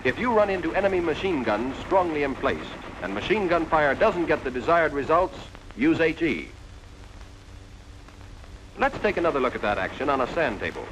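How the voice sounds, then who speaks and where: An American man narrates a 1940s army instructional film on a vintage soundtrack with background noise. His slightly high voice is very animated at normal speed as he directly instructs the trainee as "you" in a scripted style.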